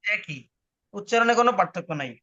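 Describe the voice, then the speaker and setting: A man's voice: high-pitched, animated, fast talker, sharp tone. A man teaching a spoken language lesson, patiently explaining rules and repeating them for his student. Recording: muffled lo-fi online recording.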